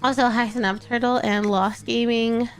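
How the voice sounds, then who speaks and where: Talking at normal speed with fairly even intonation, a young Texan streamer with a somewhat high, congested, nasal voice rambles chattily to her live chat and keeps correcting herself. Soft music plays in the background.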